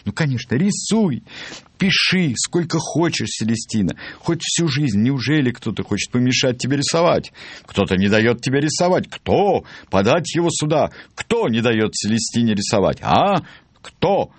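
A man voicing an overjoyed chief dentist who shouts and exclaims in a storybook reading. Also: big pitch swings, normal speed, breathy edge, no echo. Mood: elated. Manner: booming, exclamatory.

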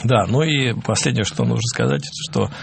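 Gravelly male radio host, chatting casually. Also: on the low side, wildly swooping pitch, fairly quick, a little hiss or hum. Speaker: radio music show host. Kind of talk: casual live radio chat.

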